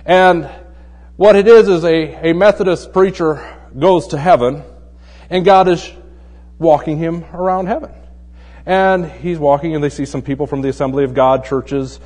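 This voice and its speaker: High-voiced man preaching conversationally. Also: normal speed, long reverb tail. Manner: asks rhetorical questions and drops to a hushed voice for emphasis; tells jokes in a relaxed storytelling way. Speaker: pastor. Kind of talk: conversational sermon.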